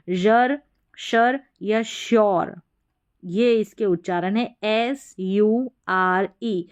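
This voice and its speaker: A young woman teaching English pronunciation, spelling out letters slowly and repeating each word several times. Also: medium pitch, clear, resonant tone. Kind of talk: explanatory lesson.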